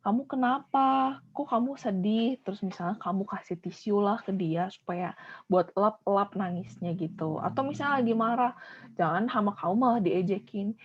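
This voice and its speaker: A woman's voice: mid-range voice, moderate pace, husky, highs cut off. Patient woman counselor talking to kids. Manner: patient, explains to children and acts out example voices. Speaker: school counselor teaching a class. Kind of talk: online class lesson.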